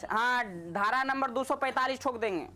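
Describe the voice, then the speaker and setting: A woman's voice: on the high side, fairly even intonation, moderate pace, pushed and bright. A woman teaching a Sanskrit class, quizzing and teasing her students.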